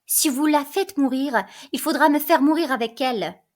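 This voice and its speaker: A timid young sister pleading to stay by her sister, as a woman reads the part. Her voice sits fairly high. It is a plain play reading. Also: normal speed, close to an everyday voice.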